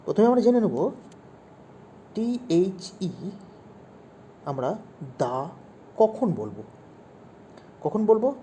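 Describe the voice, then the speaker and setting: A man's voice: sits high, big pitch swings, a little slow, long pauses, dark tone, slight background noise. A man teaching English grammar to young pupils, asking questions and repeating the main points. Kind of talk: explaining grammar to children.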